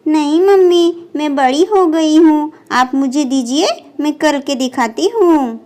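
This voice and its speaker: A stubborn, playful little girl , acted by a woman, pleads and chatters eagerly in a doll storybook. Her voice is high and pushed up in pitch, with a slow, careful delivery. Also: a little mellow.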